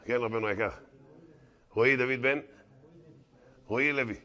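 Rabbi guy teaching a torah class, sharp bright voice, gets loud and dramatic, rattles off donations fast. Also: mid-range voice, steady tone. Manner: dramatic, bursts into loud exclamations; brisk auctioneer-like fundraising patter. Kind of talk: animated Torah lesson. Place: class hall with a live audience.

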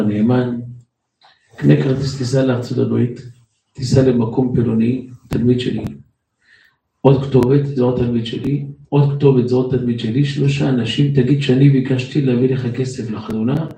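A man's voice: mid-range voice, steady tone, vocal fry, dark tone, a little hiss or hum, lightly acted. A man doing a kindly assured old rabbi. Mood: reassuring. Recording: roomy echo, distant mic.

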